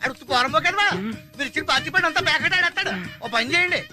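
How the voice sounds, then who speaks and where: An actor playing an excitable small-town barber who pleads and gossips in a film comedy scene. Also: male voice, very high-pitched, racing, over music. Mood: gossipy. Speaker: comic film character.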